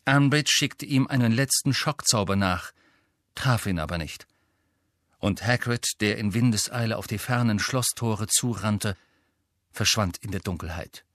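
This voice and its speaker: A man reading a novel aloud with steady, even storytelling. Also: fairly low pitch, a little slow, no room sound, studio quality. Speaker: audiobook narrator. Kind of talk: scripted narration.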